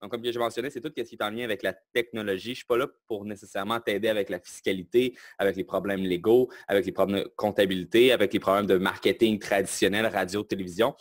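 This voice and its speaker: A man with a Québécois French accent talks in a lowish voice, sounding self-assured and lively as he explains things plainly. The recording is dry and close, with no room sound around him. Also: quick pace, few pauses, dry recording. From Quebec, Canada. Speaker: guest, online marketing entrepreneur. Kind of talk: casual interview talk.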